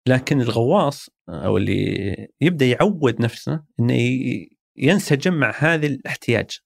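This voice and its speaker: A man's voice: medium pitch, expressive, brisk, gravelly, no echo, studio quality. A man with a Saudi accent, a guest in an interview, talking thoughtfully and explaining ideas through everyday examples. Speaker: interview guest, former marketing executive. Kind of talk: reflective conversational interview.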